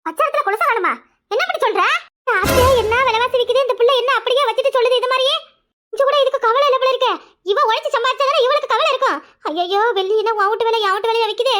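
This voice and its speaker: Woman voicing a fast, bright-voiced nagging cartoon mom, southern Tamil village accent. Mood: panicked. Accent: southern Tamil Nadu village Tamil. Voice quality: shrill, fast, exclaiming. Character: scolding village mother, loud and quick-tempered. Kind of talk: cartoon voice acting.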